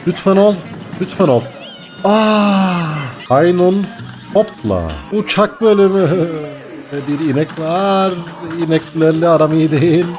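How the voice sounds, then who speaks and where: A young man commentating his gameplay, excitable and jokey, swinging from mock panic to laughter. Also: high-pitched, a little slow, soft background music. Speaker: gaming YouTuber.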